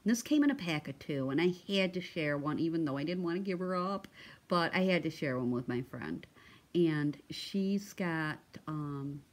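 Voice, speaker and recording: Here a woman with a low, expressive voice talks at a normal speed. She's a crafting vlogger doing a casual show-and-tell of her craft supplies, gushing and chatty, full of ums and false starts.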